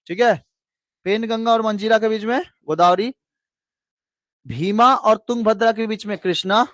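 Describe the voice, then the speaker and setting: High-voiced man chanting a lesson. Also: no echo. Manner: repeats lists in a sing-song chant, asks checking questions. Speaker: geography teacher. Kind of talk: classroom lesson with drilling repetition.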